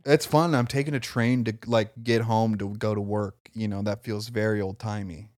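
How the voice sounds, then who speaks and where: A man's voice: lowish voice, fairly even intonation, normal speed, darkish tone, no echo, clean studio sound. A man co-hosting a podcast in casual chat, rambling and joking, often trailing off mid-sentence. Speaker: podcast co-host.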